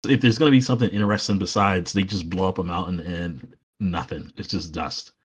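A man's voice: deep voice, steady tone, fairly quick, breathy edge. A man co-hosting a podcast, hesitantly thinking aloud about where a story goes. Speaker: podcast co-host. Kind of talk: casual podcast chat.

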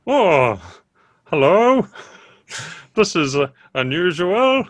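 Anxious, simple-minded mushroom creature, played by a male game master, raised pitch, halting repeated words, dry close sound. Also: big pitch swings, no echo, heavily acted. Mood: earnest, sad. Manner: simple broken speech, repeating single words. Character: anxious big mushroom creature with beady eyes.

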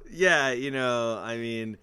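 A man co-hosts a podcast, talking in an unhurried, meandering way and laughing often. His voice is smooth and clean, recorded close and dry on a podcast mic. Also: medium pitch, bright, forceful tone, no room sound. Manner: rambling, laughs often, trails off into fillers. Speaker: podcast co-host. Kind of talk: casual podcast chat. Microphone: podcast microphone.

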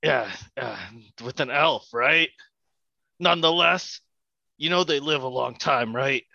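Creaky, bright-voiced man playing a tabletop game. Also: mid-range voice, a little slow, no echo, highs cut off. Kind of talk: casual in-game chat.

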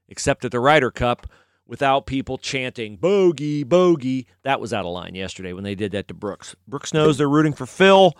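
A man's voice: on the low side, clean tone, no echo, studio quality. A middle-aged man giving casual, opinionated solo sports commentary, rambling and correcting himself as he goes.

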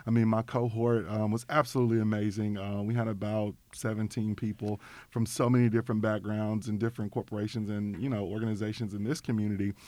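A man's voice: on the low side, flat delivery, fast talker, warm tone. A young man with an Arkansas accent talking casually and enthusiastically as an interview guest. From Arkansas, United States. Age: young adult. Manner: enthusiastic, informal. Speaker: interview guest, nonprofit program director.

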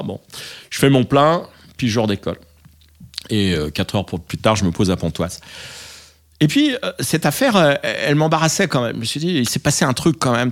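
This man speaks at a medium pitch with some vocal fry, recounting an episode from his flying days. He's hesitant, full of fillers and restarts, and acts out radio calls in English in this casual anecdote.

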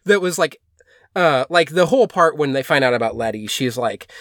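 A man's voice: a little high, animated, fairly quick, fairly bright tone, no room sound, clean studio sound. A man co-hosting a podcast, recapping movies in a casual chat and rambling with lots of fillers and restarts. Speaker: podcast co-host.

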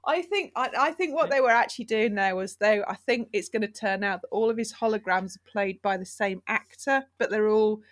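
A woman's voice: mid-range voice, a little fast, few pauses. A woman co-hosting a casual chat, talking in a wry, chatty way with trailing asides. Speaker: podcast co-host.

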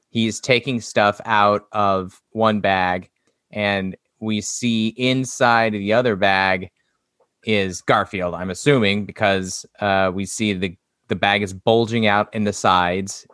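A man's voice: on the low side, a bit bright, no echo, studio quality. A man chatting on a podcast, describing details with hesitant restarts. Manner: observational, hesitant, many "uh" restarts. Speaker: podcast co-host. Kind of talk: casual chat.

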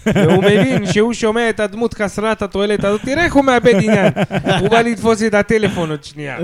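A man guesting on a podcast as a stand-up comedian, brash and teasing, quick to laugh. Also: sits high. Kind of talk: casual podcast chat.

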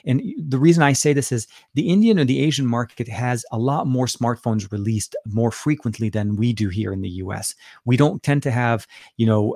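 Speaking close to a dynamic studio mic in an office, this man from Lebanon, a native Arabic speaker, fields viewer questions on a relaxed live stream. His mid-range voice is a little mellow, there's no room sound, and his answers are full of fillers and restarts.

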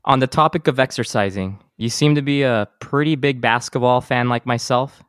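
A man hosts a casual podcast interview at an even, middling pitch. His easygoing, chatty delivery keeps things playful. The sound is close and dry, with no room echo. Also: normal speed, clear, resonant tone. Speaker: podcast host.

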